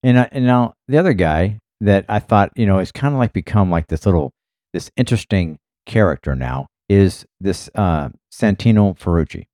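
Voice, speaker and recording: In a studio-quality, dry recording, a man who used to be part of a racing team co-hosts a podcast and rambles about motor racing. He keeps dropping fillers, especially "you know." His voice sits low and dark, expressive, at a moderate pace.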